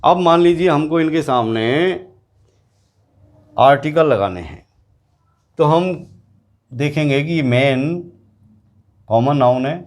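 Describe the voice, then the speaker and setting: Slow-paced male teacher. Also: a little high. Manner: slow, repetitive explaining, addressing students directly. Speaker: English grammar teacher. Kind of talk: classroom grammar lesson.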